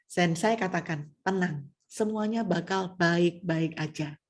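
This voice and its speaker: A middle-aged woman with a Surabaya Indonesian accent, preaching a personal testimony sermon, moving between soft asides and raised exhortation. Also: fairly low pitch, a little slow.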